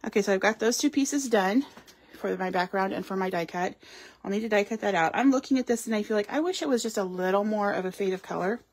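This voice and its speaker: Talking fast at medium pitch, a craft store demonstrator chats while making cards live. She explains what she's doing as she goes, peppering it with ums, from a craft table at home or in a studio.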